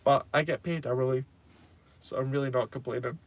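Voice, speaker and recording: Brisk and steady in a mid-range voice, this Scottish man in his twenties drives trucks and hosts a live stream. He chats casually and trades self-deprecating jokes with viewers.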